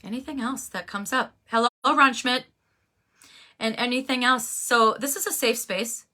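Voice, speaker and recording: Chatty bright-voiced woman hosting a livestream. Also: a little high, normal speed. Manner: chatty, folksy, greets viewers by name. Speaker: livestream host selling handmade crafts. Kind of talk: casual live chat.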